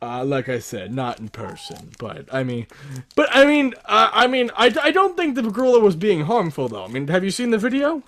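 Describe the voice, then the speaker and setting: A man's voice: high-pitched, huge pitch swings, fairly quick, fairly bright tone. A young man co-hosting a casual podcast, teasing and laughing often as he talks with a friend. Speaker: podcast co-host. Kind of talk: casual chat. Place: home, on a call.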